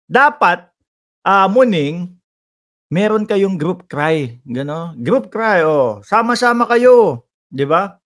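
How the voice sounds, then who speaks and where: A man's voice: sits high, very animated, takes it slowly, a bit bright. A man from the Philippines giving casual political commentary as a vlogger, talking straight to his viewers in a teasing, sarcastic way.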